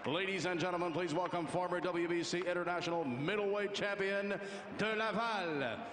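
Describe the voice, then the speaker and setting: A middle-aged man announces from a boxing ring in a formal, ceremonious style. His voice sits fairly high and echoes through a big arena, with clear noise around it. He stretches names out grandly as a ring announcer does. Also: fairly bright tone. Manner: ceremonious, drawn-out delivery of names. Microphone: handheld microphone.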